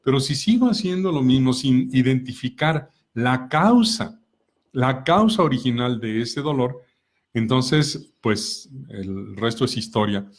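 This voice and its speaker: A middle-aged man speaks at a medium pitch. He explains calmly and patiently, working through everyday examples. He often pauses to ask his listeners questions. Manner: calm, explanatory, asks many rhetorical questions. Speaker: co-host of a personal growth talk.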